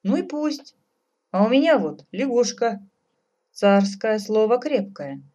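A woman's voice: a little high, slow pace, pitched above the performer's own voice, exaggerated voice. Woman doing a stubborn young tsarevich. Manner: steady, stubborn.

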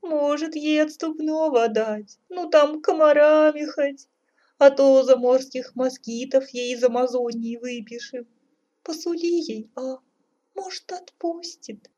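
A woman's voice: sits high, a little slow, dark tone, muffled recording, pitched above the performer's own voice. A woman voicing a weepy, fussing old tsaritsa who dotes on her son in a storybook tale. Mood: pleading. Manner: wailing, fussing.

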